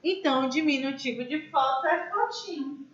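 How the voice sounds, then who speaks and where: A woman's voice: sits high, moderate pace, reverberant, dull audio. A woman teaching a grammar class, explaining step by step and asking her students questions. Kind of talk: online class lecture.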